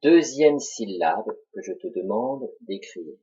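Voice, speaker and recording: A man teaching a dictation lesson, slowly spelling out syllables for children to repeat and write. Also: medium pitch, very animated, vocal fry, mellow, slightly rough. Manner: slow, deliberate, spells out syllables. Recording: dull lo-fi recording.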